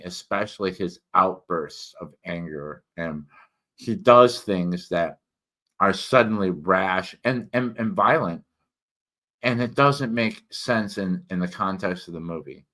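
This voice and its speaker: A man with a very deep voice talks casually, as a host sharing opinions and updates. His words come slightly thick from a swollen mouth. He rambles haltingly, doubling back on words and correcting himself as he goes. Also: pushed and bright. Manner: halting, with repeated words and many self-corrections. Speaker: host, reviewer and writer. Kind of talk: casual, rambling spoken review and personal update.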